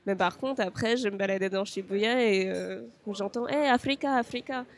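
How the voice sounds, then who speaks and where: A young French woman is a guest on a podcast interview. Her medium-pitched voice moves at a moderate pace. She speaks hesitantly, often restarting and filling gaps with fillers.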